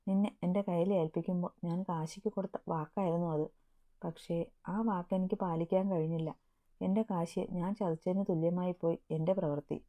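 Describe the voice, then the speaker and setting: A woman's voice: fairly low pitch, steady tone, a little fast, warm tone, lightly acted. A woman voicing a loving, teasing young husband in a storybook reading, with a narrow phone-like sound. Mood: anxious. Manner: tender, teasing.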